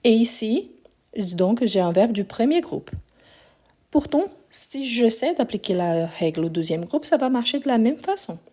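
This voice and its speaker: A woman with a slightly high, dark-toned voice talks at normal speed with lively intonation, though her voice is a bit weak. She's a French teacher in a live online grammar lesson, patiently explaining each step and spelling endings letter by letter, all recorded on a phone.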